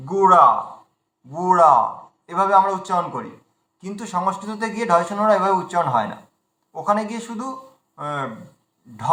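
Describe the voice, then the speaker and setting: A man teaching recitation in an online class, repeating syllables slowly and explaining pronunciation. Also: high voice, bright, forceful tone, echoey room. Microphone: video call.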